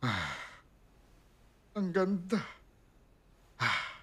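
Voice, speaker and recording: Doting elderly grandpa, sighing warm praise, husky and animated. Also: male voice, high voice, extremely slow, exaggerated voice. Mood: delighted. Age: older. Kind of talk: Tagalog drama dub.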